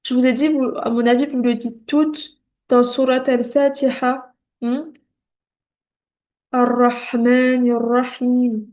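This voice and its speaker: A woman's voice: high-pitched, fairly even intonation, dark tone. A woman teaching beginners to read, patient and reassuring, sounding out syllables one at a time and checking in often. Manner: patient, repeats syllables slowly and clearly. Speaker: Arabic reading teacher. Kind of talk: beginner lesson.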